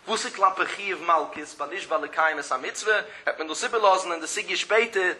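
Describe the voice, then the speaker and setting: A man's voice: sits high, a little fast, sharp tone. A man teaching a Talmud lesson in a sing-song study chant with rising stresses, breaking off into chatty asides and filler phrases.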